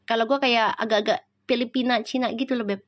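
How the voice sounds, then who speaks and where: A woman's voice: fairly high pitch, fairly even intonation, quick pace, slight background noise. A middle-aged woman with a Betawi Jakarta accent, chatting casually with viewers on a tarot live stream, teasing and laughing often.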